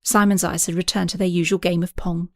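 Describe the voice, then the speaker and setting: A woman's voice: lowish voice, level tone, brisk, a little mellow, no room sound, studio quality. A woman reading an audiobook, narrating and voicing several characters with small shifts.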